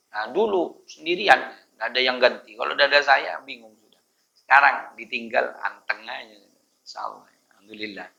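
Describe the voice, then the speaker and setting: A man's voice: medium pitch, creaky, bright, forceful tone, highs cut off. A middle-aged man, teaching a religious study class in a chatty, joking way and chanting verses to show correct recitation.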